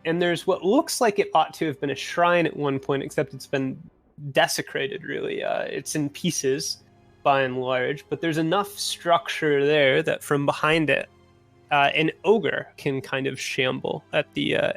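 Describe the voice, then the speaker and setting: A man narrating as game master in a tabletop game, rambling with frequent pauses and restarts. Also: on the high side, steady tone, gravelly, fairly bright tone, soft background music. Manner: rambling, many uhs and restarts.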